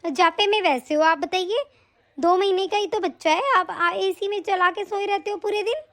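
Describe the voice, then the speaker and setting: A woman voicing a sharp-tongued, grudging sister-in-law in an animated story, full of sarcastic taunts. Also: very high-pitched, normal speed. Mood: nagging.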